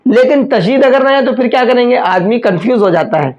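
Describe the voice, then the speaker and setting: On a dull lo-fi recording, a man with a very high-pitched, expressive, darkish voice teaches recitation one step at a time. He lays out each rule patiently, checks often that it's understood, and stretches his examples out slowly.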